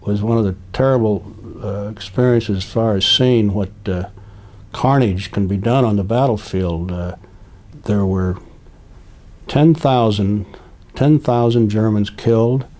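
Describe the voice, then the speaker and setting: An elderly man, a war veteran recalling his experiences in an interview, speaking haltingly and deliberately with long hesitations. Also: on the low side, dark tone. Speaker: WWII veteran being interviewed.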